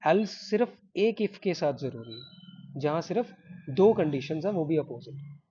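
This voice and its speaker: Man teaching coding, chatty and repetitive, slightly higher pitch, dull lo-fi recording. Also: animated, normal speed, mellow, a little hiss or hum. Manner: chatty, repeats himself, checks in with "ठीक है?". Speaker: programming teacher. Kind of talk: live coding lecture.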